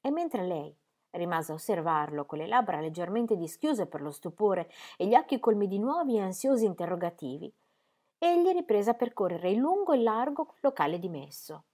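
Woman narrator, expressive dramatic audiobook reading, mid pitch. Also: normal speed. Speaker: audiobook reader.

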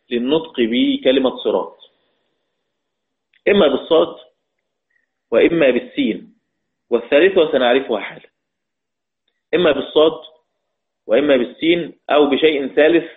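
A man's voice: medium pitch, moderate pace, long pauses. A man teaching a religious lesson on Quran recitation rules, explaining step by step and asking his students questions. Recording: tinny phone-like audio.

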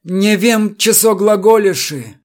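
A man's voice: high-pitched, animated, slow pace, pitched above the performer's own voice. A man voicing a cowed, despairing male deputy director who mutters faint-heartedly.

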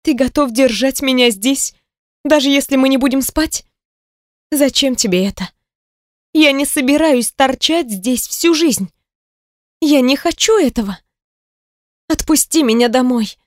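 A woman reading an audiobook, voicing a hurt young woman in a higher, bitter and sarcastic voice. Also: a little slow, pauses often, dry recording, studio quality. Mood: defiant.

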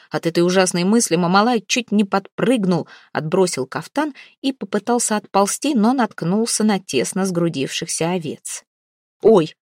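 A woman reads an adventure novel aloud with expressive, lively storytelling. Her voice moves freely up and down. The recording is dry and close, with no room sound. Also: fairly low pitch, no echo. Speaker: audiobook narrator. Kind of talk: scripted narration of a historical novel.

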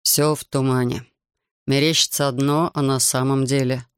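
A man voicing a stern, influential host who questions his visitor in a measured, probing way. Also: mid-range voice, flat delivery, smooth, dry recording, clean studio sound, lightly acted.

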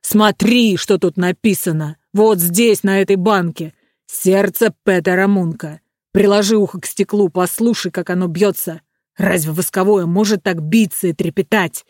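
A reader voicing a smug, menacing giant sorcerer in a storybook reading, shouting and threatening at times, soft and coaxing at others. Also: mid-range voice, fairly even intonation, moderate pace, no room sound, clean studio sound, close to an everyday voice. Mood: furious. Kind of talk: storybook character voice.

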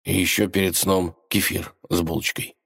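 A man reading an audiobook, voicing a young princess who is bored, dreamy and headstrong, in a high, excitable, sing-song voice. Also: normal speed, creaky, slightly rough, no room sound, studio quality, heavily acted. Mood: sulky. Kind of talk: audiobook character voice.

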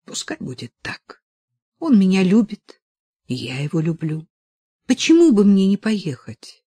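A woman reading the part of a hesitant, guilt-ridden young woman, speaking softly and haltingly. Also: medium pitch, wildly swooping pitch, slightly rough, no echo, pitched above the performer's own voice, exaggerated voice. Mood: firm.

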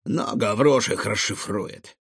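A man voicing a quick-witted, confident male raccoon in a storybook. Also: lowish voice, creaky, fairly bright tone, husky, no echo, studio quality, full character voice. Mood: thoughtful.

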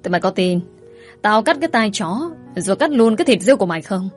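A woman reading a story, voicing a tough, hot-tempered young man who talks loud and threatening. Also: medium pitch, big pitch swings, fast, faint music behind.

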